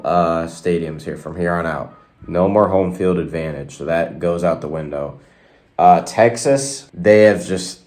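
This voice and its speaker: With a deep, slightly mellow voice, a young sports video host talks predictions casually to camera, sounding nasal because he has a cold and rambling to his audience. Faint guitar music plays underneath.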